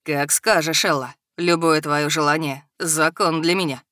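A woman voicing a calm, menacing male dragon shapeshifter with a low, rumbling voice in an audiobook. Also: moderate pace, no echo, studio quality. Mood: soft. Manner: cold, level, threatening. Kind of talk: audiobook character voice.

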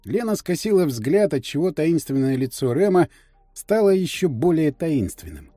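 A man narrating a science fiction story for an audiobook in an expressive, storytelling manner. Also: fairly high pitch, normal speed, no room sound, clean studio sound, faint music behind. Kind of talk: scripted narration.

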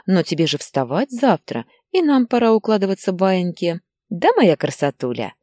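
A doting older mother pleads and soothes in a soft, coaxing manner, as a woman reading the story voices her. Her pitch moves widely, heard up close in a dry, quiet recording. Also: very animated, moderate pace, no echo.

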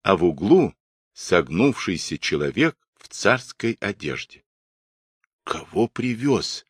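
Deep-voiced dramatic male narrator. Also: sing-song, a little slow, slightly rough, no echo, clean studio sound. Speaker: audiobook narrator.

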